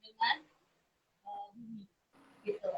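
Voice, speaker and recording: A woman's voice: fairly high pitch, steady tone, slow pace, creaky, a bit bright. A woman yoga teacher patiently explaining step by step, her audio breaking up on a choppy live connection. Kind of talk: explaining on a live video chat. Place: seated on a yoga mat. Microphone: phone on a live video stream. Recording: dull lo-fi live stream audio.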